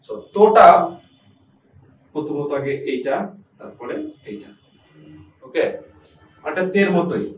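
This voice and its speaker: A man's voice: fairly high pitch, animated, recorded from a distance, slight background noise. Male teacher in an echoey room. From Bangladesh. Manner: patient, repeats letters slowly while writing. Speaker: Japanese language teacher. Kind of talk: whiteboard hiragana lesson.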